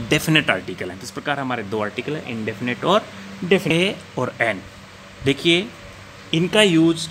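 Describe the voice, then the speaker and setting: A man's voice: on the high side, pushed and bright, a little hiss or hum. A man teaching an English grammar lesson, asking the class questions and answering them himself while he repeats the key points.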